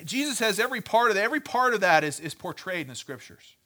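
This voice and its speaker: A man's voice: high voice, sing-song, fast talker, sharp tone. A man teaching a sermon in a conversational way, often checking in with his listeners and repeating words as he thinks aloud. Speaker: pastor.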